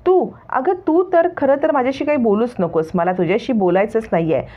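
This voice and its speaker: A defiant, sharp-tongued teenage girl, put on by a woman retelling a story speaks in a high, pointed voice. She fires off questions in quick bursts. The sound is thin and phone-like. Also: natural voice.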